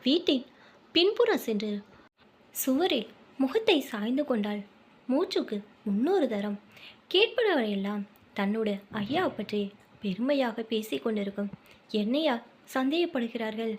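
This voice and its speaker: A woman's voice: on the high side, lively intonation, a little slow, long pauses, a little mellow, breathy edge. A woman with a Tamil accent reading a family short story aloud, telling the narration and the characters' lines in the same voice. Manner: reads dialogue and narration in one voice.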